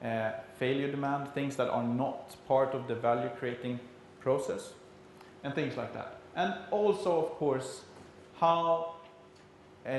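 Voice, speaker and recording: A man from Sweden with a Swedish accent gives an explanatory conference presentation in a halting delivery, as a non-native speaker. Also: mid-range voice. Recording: very echoey room, faint background noise.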